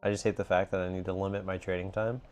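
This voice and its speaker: A man's voice: low-pitched, little pitch movement, fast, a little mellow. A man hosting a casual live trading stream from a cruise ship, chatting easily and reading viewer comments aloud. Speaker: livestream trading host.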